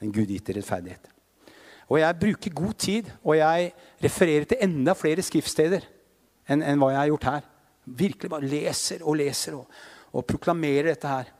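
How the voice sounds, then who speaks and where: A man's voice: fairly high pitch, expressive, darkish tone, in a large hall. A man in his fifties preaching a sermon, telling stories and rising into fervent proclamation. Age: 50s.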